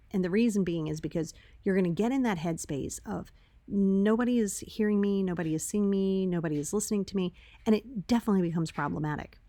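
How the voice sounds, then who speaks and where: A woman hosts a solo podcast in a casual, conversational way, chatty and full of rhetorical check-ins. Her voice is lowish and darkish with vocal fry, and there's no room sound. She records on her laptop's built-in mic, which sounds tinny, while wearing headphones.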